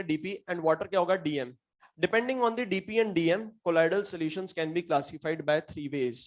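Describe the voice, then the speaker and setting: A male teacher giving a classroom lecture. He asks and answers his own questions, reads definitions out slowly, and repeats key terms. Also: sits high. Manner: reads English definitions slowly, then explains in Hindi.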